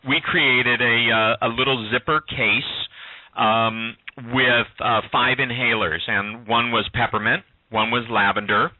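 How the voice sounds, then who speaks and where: A man's voice: medium pitch, fairly even intonation, a little slow, dry recording. A man hosting a radio talk show, asking questions in a hesitant way full of ums and restarts. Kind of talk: casual interview talk. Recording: tinny phone line.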